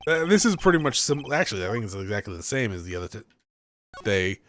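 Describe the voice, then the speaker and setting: A man's voice: lowish voice, big pitch swings, fast, fairly bright tone. Easygoing man commentating a game. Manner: offhand and joking, with laughs. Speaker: gaming channel host. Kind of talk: casual let's play commentary.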